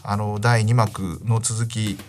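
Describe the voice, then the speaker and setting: A man's voice: on the low side, flat delivery, takes it slowly. A man giving conversational market commentary as a financial expert, explaining things in everyday terms. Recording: music behind the voice. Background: music.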